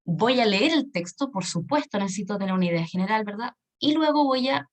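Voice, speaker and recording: A woman's voice: mid-range voice, lively intonation, fairly quick. A woman, teaching an English grammar lesson in a patient way, repeating points and checking that students follow. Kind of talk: recorded online lesson explaining grammar.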